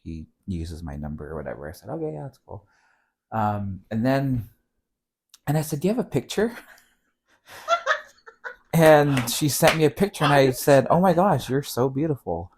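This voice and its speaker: Relaxed middle-aged man telling a story. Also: medium pitch, moderate pace, long pauses, a little hiss or hum. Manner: relaxed, rambling with many fillers. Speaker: guest. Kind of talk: casual storytelling.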